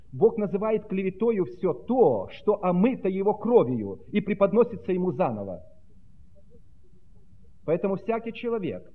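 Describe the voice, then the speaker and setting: A man preaching a sermon with fervent, rhythmic delivery that swings between loud proclamation and hushed tones. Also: high-pitched. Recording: tinny phone-like sound.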